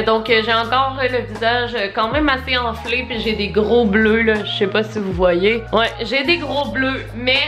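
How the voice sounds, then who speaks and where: A young woman with a Québécois French accent chatting casually and expressively to viewers in a vlog, swearing freely. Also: on the high side. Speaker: YouTube vlogger. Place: home office room, indoors. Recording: roomy echo, distant mic, background music.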